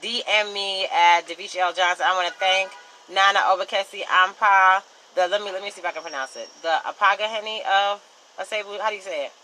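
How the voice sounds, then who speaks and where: Young Southern woman host, fast and lively, bright voice, light background hiss. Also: medium pitch, rough recording. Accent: Southern American. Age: young adult. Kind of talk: casual interview.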